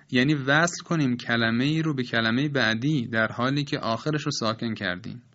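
A man teaching Quran recitation rules in a recorded lesson, explaining in a measured, patient way with polite formal phrasing. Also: mid-range voice, a bit bright, lo-fi sound.

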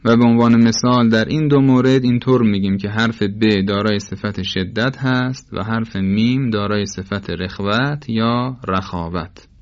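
A man gives a formal, methodical lesson, explaining each point patiently. His voice sits on the low side. The recording is dull and lo-fi. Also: hardly any pauses. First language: Persian. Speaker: Quran recitation teacher.

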